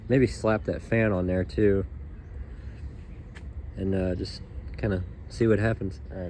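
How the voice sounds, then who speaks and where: A man talking casually to the camera while he works on a car, with dry, sarcastic asides. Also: on the low side. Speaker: car repair vlogger. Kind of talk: casual narration while working. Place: garage or driveway by a running car. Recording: loud engine noise behind.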